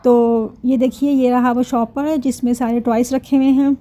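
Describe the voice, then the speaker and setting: A woman's voice: fairly high pitch, little pitch movement, normal speed, warm tone. A woman, narrating her family vlog chattily and talking to her viewers. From Pakistan. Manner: chatty, laughs often, addresses viewers. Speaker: vlogger.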